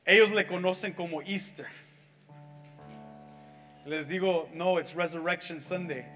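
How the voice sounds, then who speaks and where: A pastor preaching a sermon, telling a story slowly and with emphasis, now and then switching into English. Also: fairly high pitch, sharp tone. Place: church hall. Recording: echoey church hall with faint music.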